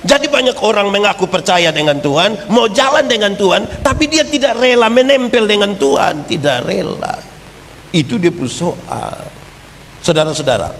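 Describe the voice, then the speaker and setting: Man, pastor, humorous sermon, questions the congregation, church hall reverb, faint noise behind. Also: fairly high pitch. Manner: lively preaching, jokes, asks the congregation questions.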